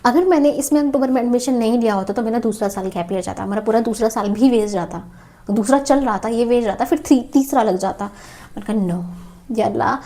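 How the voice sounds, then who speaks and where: A woman's voice: fairly high pitch, a little fast, dark tone. A young woman in her twenties telling a personal story in a candid, emotional vlog, rambling with many restarts. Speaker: vlogger.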